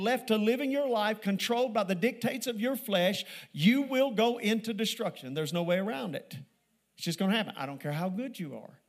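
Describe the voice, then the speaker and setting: A man with a notably high-pitched voice preaching a sermon in a church. He drives his points home with repeated phrases. He slows to a crawl to stress the key words of scripture. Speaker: pastor. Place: church sanctuary.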